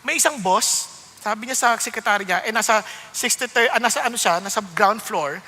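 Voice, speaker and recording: Male pastor, high and very bright, big hall reverb; animated storyteller who drops into English scripture. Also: fairly quick. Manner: animated storytelling, acting out voices of people in anecdotes; mixes English Bible quotes into Filipino preaching. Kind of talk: sermon.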